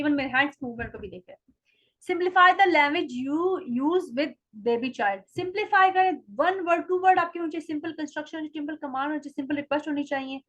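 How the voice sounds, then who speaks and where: High-voiced woman giving a lecture. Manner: reads English slide points slowly, then explains in Hindi. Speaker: child development presenter. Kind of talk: presentation lecture to parents.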